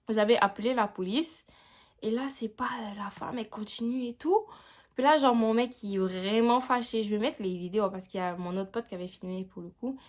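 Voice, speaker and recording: A young woman vlogger telling a personal story time in a slangy, chatty way, with frequent "tu vois". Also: a little high.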